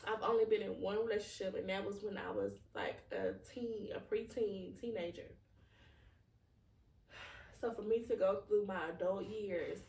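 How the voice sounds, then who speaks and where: Heard from off-mic with a roomy echo, a podcast host in her 20s reflects openly on her emotions, wandering from thought to thought and saying "like" constantly. Her voice is mid-range with a darkish tone.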